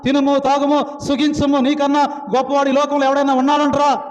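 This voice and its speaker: A man's voice: very high voice, completely flat delivery, fairly quick, pitched above the performer's own voice. A man preacher voicing a boastful rich farmer who gloats over his harvest. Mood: gloating. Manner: exultant, self-praising. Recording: echoey hall, dull lo-fi sound.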